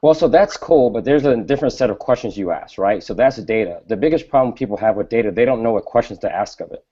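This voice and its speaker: A man with a low, mellow voice explains his points in a calm, teaching way, often checking with "right?". The recording sounds dull and lo-fi. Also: fast talker. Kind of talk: casual tech panel chat. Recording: dull lo-fi stream audio.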